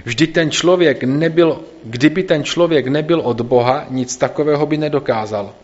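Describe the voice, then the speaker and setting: A man's voice: on the high side, darkish tone, lightly acted. A man voicing a formerly blind man who insists on what happened to him, in a slightly dull recording. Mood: insistent.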